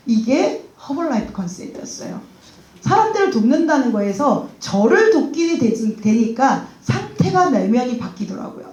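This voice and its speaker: Animated high-voiced woman on stage. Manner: animated storytelling with laughs, acting out dialogue. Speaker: speaker at a company event. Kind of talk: motivational stage talk. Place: large event hall. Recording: echoey hall sound.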